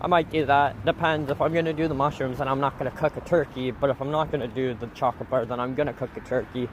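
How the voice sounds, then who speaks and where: A man's voice: medium pitch, steady tone, fast talker, a little hiss or hum. A man chatting casually as a streamer, rambling in a blunt, profane, meandering way. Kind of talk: casual rambling livestream chat.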